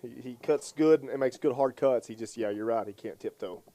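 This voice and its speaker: A man's voice: medium pitch, mellow, no room sound. Folksy man doing football color commentary. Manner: folksy, joking, quick to laugh. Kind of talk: high school football radio commentary.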